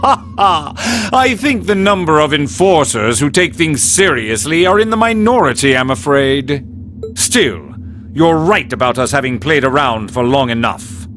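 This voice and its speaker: An actor playing a flamboyant gentleman thief in a video game, smug and teasing, with florid, theatrical phrasing. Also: on the high side, lively intonation, measured pace, a little hiss or hum. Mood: playful, musing.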